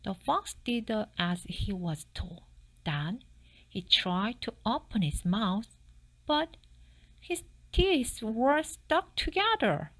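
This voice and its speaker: Slow, expressive woman reading a storybook. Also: on the high side, low-quality recording. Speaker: storybook reader. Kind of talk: expressive scripted read-aloud narration.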